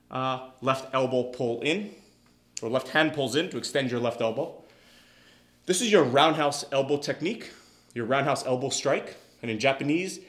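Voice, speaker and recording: A man teaching a karate class, calling out counts and techniques and shouting kiai. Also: fairly high pitch. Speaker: karate instructor. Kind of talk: instructional class video. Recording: echoey room.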